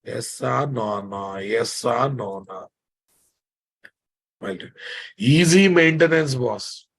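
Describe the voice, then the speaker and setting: A software instructor with a Telugu Indian accent lectures his class, repeating phrases for emphasis and prodding students with check questions. His voice is lowish and breathy with vocal fry, and he speaks extremely slowly.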